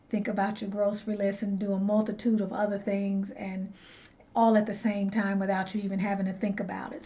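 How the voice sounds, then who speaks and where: A woman host, a loc stylist by trade, chats earnestly through a personal story to camera, repeating words as she reaches for them. Her voice is warm and of medium pitch, and the recording's highs are cut off.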